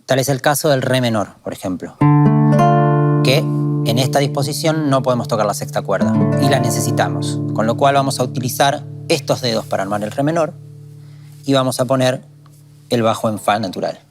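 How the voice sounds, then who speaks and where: A calm, methodical man from Argentina, explaining guitar strumming technique in a lesson. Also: medium pitch, brisk. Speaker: guitar teacher. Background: guitar playing.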